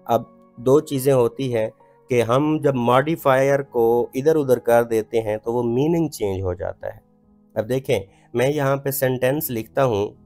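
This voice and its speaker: A man's voice: medium pitch, a little mellow. Male teacher explaining grammar, faint music. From Pakistan. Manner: explains in Urdu-Hindi, reads English examples slowly. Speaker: English teacher.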